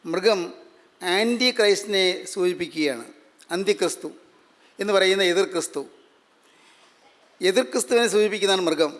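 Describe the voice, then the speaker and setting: A man with a Malayali accent preaching a sermon, measured and repeating phrases for emphasis. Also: high-pitched, fairly bright tone. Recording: long hall reverb.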